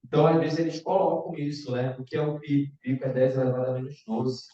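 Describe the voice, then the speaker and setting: A man's voice: on the high side, fairly even intonation, brisk, dark tone. A man teaching a math lesson in a casual way, checking in with the students all the time. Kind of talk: online exam-prep lecture. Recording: echoey, distant, dull lo-fi room sound.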